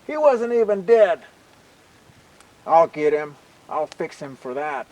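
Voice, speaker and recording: A man's voice: on the high side, fairly even intonation, measured pace, a little mellow, recorded from a distance, lightly acted, poor audio. A man voicing an angry, vengeful male skunk chief in a spoken folk tale, with indignant outbursts. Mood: outraged. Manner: indignant, taunt-answering outbursts.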